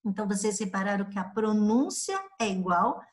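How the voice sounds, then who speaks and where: Her mid-range voice is expressive as she leads young pupils through a lesson review. The Brazilian woman takes her time, patiently spelling out every example word for the kids.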